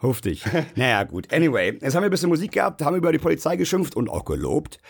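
A man with a gravelly, somewhat husky voice, talking quickly. He co-hosts a casual podcast and rambles in loose, slangy chat full of fillers. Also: on the high side, big pitch swings. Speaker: podcast co-host.

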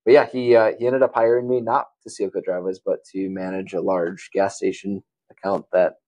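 Chatty, relaxed man from Wisconsin. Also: sits low, fairly quick, dry recording, dull audio. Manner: relaxed, chatty, laughs often, many fillers like "you know" and "like". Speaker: podcast guest. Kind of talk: casual conversational storytelling.

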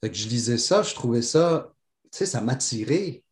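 Speaking at a medium pitch and normal speed, a middle-aged man appears as a guest recounting his life in a loose, conversational way. His accent mixes French, pied-noir and Moroccan influences with a hint of Quebec, and he rambles warmly and energetically, often restarting and using fillers. A roomy echo colors the audio.

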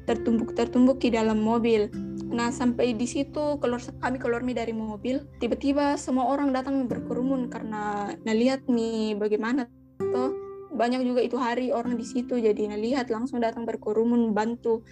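A young woman tells a personal faith testimony in a conversational way. She repeats words for emphasis and scatters local particles through her sentences. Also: on the high side. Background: soft guitar music.

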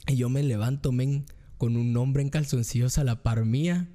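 Young Guatemalan man telling a story. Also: normal speed. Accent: Guatemalan Spanish. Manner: animated, acts out his own reactions in high squeals. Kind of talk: casual storytelling chat.

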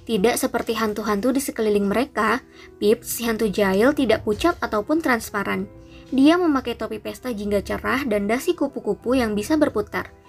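A woman narrating a storybook audiobook in a steady, even reading voice. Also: a little high, a little fast, faint music behind. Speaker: audiobook reader.

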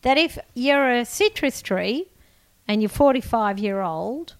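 A woman's voice: a little high, expressive, unhurried, smooth. A middle-aged woman, chatting casually as a gardening expert in a blunt, jokey, colloquial way. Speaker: gardening expert answering listener questions. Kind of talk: casual chat.

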